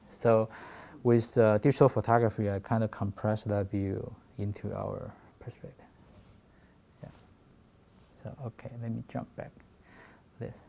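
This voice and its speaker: A Taiwanese man in his forties, a guest photographer, gives a presentation about his work in a halting way, full of fillers and restarts. He speaks with a Taiwanese accent in a lowish, creaky, mellow voice.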